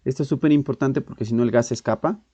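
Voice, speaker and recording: A man with a Mexican accent teaching a physics exam-prep lesson, thinking aloud with halting restarts, frequent "ok?" and clearing his throat. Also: mid-range voice, mellow, no echo. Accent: Mexican Spanish. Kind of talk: exam-prep lesson working through problems. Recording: muffled, dull sound in a dry room.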